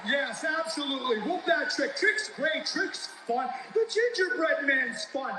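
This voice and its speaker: High-pitched man cutting an arena promo. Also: expressive, unhurried, music in the background. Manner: dramatic, intense, breaks into laughter. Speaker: pro wrestler cutting a promo. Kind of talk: in-ring wrestling promo. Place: arena ring. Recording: echoey arena broadcast with noise.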